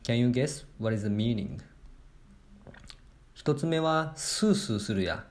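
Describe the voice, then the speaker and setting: A man with a Kansai Japanese accent hosting a language-lesson podcast. He explains things deliberately and repeats them in careful English. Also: mid-range voice, expressive. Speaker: podcast host and language teacher.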